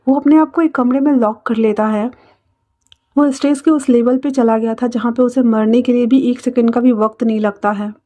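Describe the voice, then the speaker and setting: Woman narrating a story, high voice. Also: mellow. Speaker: fan fiction storyteller. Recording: dull lo-fi recording.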